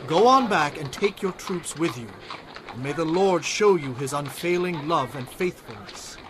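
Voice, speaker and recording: A man's voice: fairly high pitch, expressive, moderate pace, noisy background, close to an everyday voice. An actor playing a solemn exiled king, earnest and commanding, in a dramatized audio Bible. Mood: earnest, generous. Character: sorrowful exiled king, resigned yet commanding.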